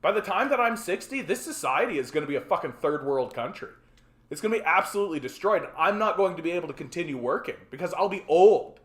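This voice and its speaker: A man's voice: a little high, a bit bright. A man in his forties from Canada, hosting a solo livestream in a frustrated, rambling rant full of stammered repeats. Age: 40s. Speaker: livestream host. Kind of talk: ranting solo livestream talk. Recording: roomy echo.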